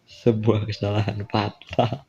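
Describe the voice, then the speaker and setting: This Indonesian-accented streamer plays a visual novel, voicing the game's dialogue and adding casual slang asides. His voice sits on the low side, dark in tone, with little pitch movement and an unhurried pace. The lo-fi audio is dull, with background music and slight noise.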